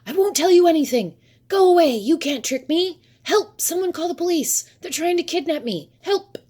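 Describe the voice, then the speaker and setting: A woman's voice: extremely high pitch, expressive, normal speed, warm tone, voice pushed up. A woman voicing a wild-eyed, paranoid old hermit who keeps dozens of cats, shrieking frantically for help. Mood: frantic, screaming. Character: paranoid screaming male cat hoarder, wild-eyed.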